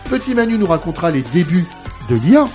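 A man's voice: high voice, sing-song, fast talker, darkish tone. A man hosting a radio show, presenting from a script. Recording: music bed under voice.

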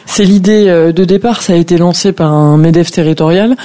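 A woman's voice: on the low side, brisk, dark tone. A woman speaking as a business guest on the radio, explaining with some hesitation. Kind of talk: radio interview.

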